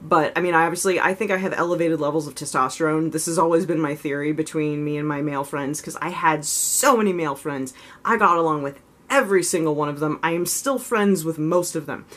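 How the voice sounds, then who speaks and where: A vlogger speaks candidly to her audience in a casual confessional video, her naturally low voice, notably low for a woman, raised slightly higher than normal and sounding a bit bright. She talks fairly quickly, rambling, circling back, thinking aloud, and filling sentences with "like" and "you know", all in a frank, self-reflective way.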